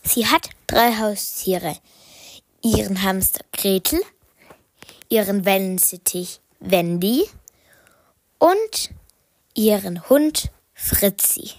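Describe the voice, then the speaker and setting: A woman reading a children's story aloud, slowly and haltingly, correcting herself and sometimes whispering. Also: mid-range voice, lively intonation, no room sound, studio quality. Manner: slow, halting, self-correcting, partly whispered.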